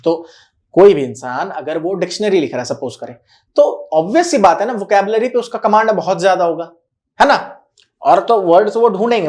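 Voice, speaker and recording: A male teacher giving a recorded lecture, explaining patiently, repeating key words slowly and often asking whether students are following. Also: high-pitched, a little mellow. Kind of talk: recorded classroom-style lecture.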